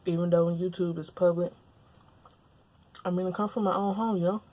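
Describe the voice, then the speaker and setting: A woman's voice: lowish voice, fairly even intonation, normal speed, warm tone. A young woman from Louisiana chatting casually at home while eating, sometimes talking with her mouth full. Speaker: mukbang vlogger. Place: at home, indoors. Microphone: lapel mic.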